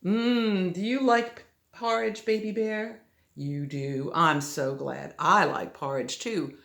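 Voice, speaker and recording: Older woman as slow, cooing Mama Bear. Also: lowish voice, steady tone, gravelly, fairly bright tone, exaggerated voice. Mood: cooing, pleased. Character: motherly female storybook bear, gentle and fussing. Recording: roomy, echoey home recording.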